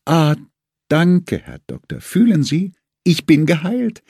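A man's voice: on the high side, very animated, slow pace, vocal fry, dark tone, husky, no room sound, clean studio sound, pitched above the performer's own voice, exaggerated voice. A man voicing a retired older woman who plays the sugary hostess with mock enthusiasm. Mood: gushing. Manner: gushing, syrupy-sweet and overly eager.

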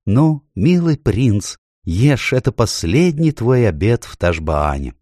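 A man voicing an excitable male faun in a storybook, talking in a high, eager, fussing way. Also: slow pace, no echo, clean studio sound. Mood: kindly. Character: fussy, excitable male faun plotting an escape.

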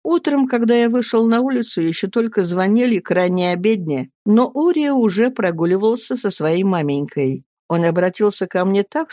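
A man narrating a first-person novel as an audiobook, in a lively, emphatic storytelling manner. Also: high voice, no room sound, studio quality.

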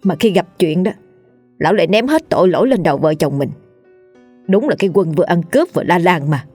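A woman's voice: fairly low pitch, lively intonation, fast talker, warm tone, no room sound, soft background music. A woman voicing a greedy, shrewish village landlord's wife who scolds shrilly. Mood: resentful.

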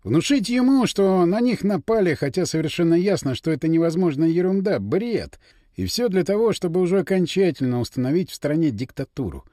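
A man narrating an audiobook in an expressive, measured reading. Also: fairly high pitch, dry recording, clean studio sound.

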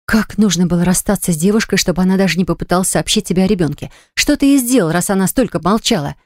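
A woman narrator voicing a stern, sharp-tongued young woman who scolds and mocks in an audiobook. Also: fairly low pitch, fast talker, dry recording, clean studio sound, lightly acted. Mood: mocking. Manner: mocking, scolding.

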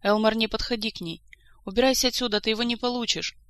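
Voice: fast talker, fairly bright tone, lightly acted. An audiobook reader voicing a frantic, pleading female nymph. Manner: pleading, shrill.

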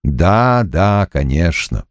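A man voicing a reflective middle-aged army officer who muses slowly in an audiobook. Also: very animated, no echo, studio quality, full character voice. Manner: slow, musing, drops low. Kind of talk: audiobook character reading.

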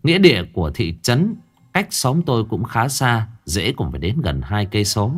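A man narrating a ghost story in a lively, suspenseful storytelling manner. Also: on the low side, moderate pace, husky. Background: faint background music.

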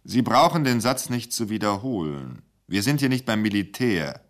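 A man's voice: on the low side, expressive, normal speed, pitched above the performer's own voice, close to an everyday voice. Give me a man doing a sweetly domineering radio director from a storybook reading. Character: soft-spoken, menacing male radio director.

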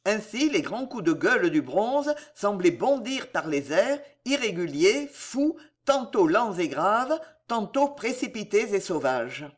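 Slow, lively-voiced male audiobook narrator. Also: high-pitched. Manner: expressive, theatrical reading. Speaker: audiobook reader.

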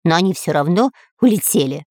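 A woman's voice: fairly low pitch, lively intonation, brisk, a little mellow, no room sound, studio quality. A woman doing a fussy, anxious parrot servant. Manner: fussy, justifying himself.

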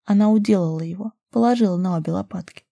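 A woman narrating a novel aloud in an even storytelling manner. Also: mid-range voice, quick pace, creaky, no echo, highs cut off. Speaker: audiobook narrator. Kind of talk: scripted narration.

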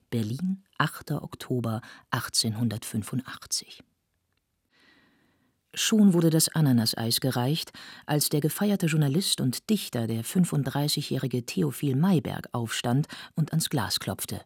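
A woman narrating a novel as an audiobook reader, with an even storytelling delivery. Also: low-pitched, normal speed, breathy edge, no echo, clean studio sound.

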